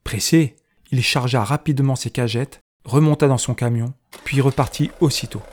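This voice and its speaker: A man narrating a storybook in first person, reading softly and expressively. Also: medium pitch, normal speed. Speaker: audiobook narrator.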